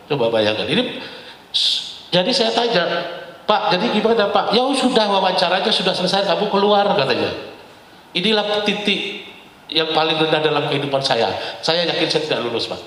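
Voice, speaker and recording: A man from West Sumatra telling a lively personal story as a talk show guest, laughing often and often addressing the host as "Pak". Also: sits high. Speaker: guest speaker. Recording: echoey hall reverb.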